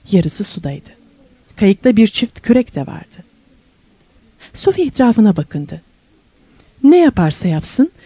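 A woman reads a novel aloud in an expressive storytelling voice, her pitch rising and falling a great deal. Her tone is mellow and dark rather than bright, and the sound is dry and close, with almost no room around it. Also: dry recording. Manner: expressive storytelling, slows and rises for wonder and questions. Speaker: audiobook narrator. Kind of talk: scripted novel narration.

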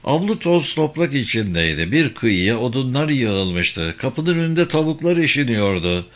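A man's voice: medium pitch, moderate pace. Man reading a story aloud. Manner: steady storybook reading with footnote asides. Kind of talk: read-aloud story narration.

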